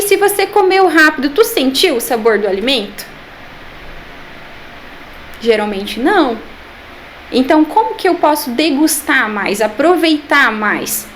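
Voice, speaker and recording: High-voiced Brazilian nutritionist explaining patiently. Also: female voice, slight background noise. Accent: Brazilian Portuguese. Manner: patient, explanatory, poses rhetorical questions. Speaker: nutritionist and eating therapist. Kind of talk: interview answers, explanatory.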